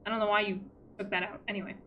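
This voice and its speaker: A woman's voice: medium pitch, flat delivery, very fast, muffled recording. A young woman streaming a horror game, reading each character's lines aloud with shifting emotion and breaking off for dry asides. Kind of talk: live gameplay, reading game dialogue aloud.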